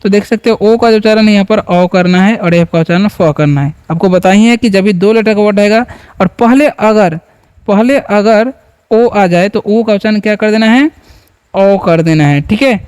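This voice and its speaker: Man, from India, English teacher, patient, repetitive, quizzing viewers, high voice, smooth and clear. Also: darkish tone. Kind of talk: spoken lesson.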